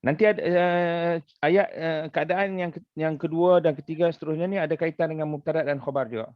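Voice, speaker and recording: A man's voice: a little high, fairly quick, no room sound, muffled recording. A man with a Malaysian accent teaching an Arabic grammar lesson as a religious teacher, patiently explaining with repeated examples.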